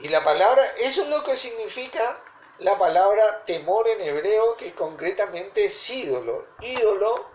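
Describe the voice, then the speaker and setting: Male preacher, unhurried teaching sermon, echoey room, emphatic repetition. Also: fairly high pitch, a little hiss or hum.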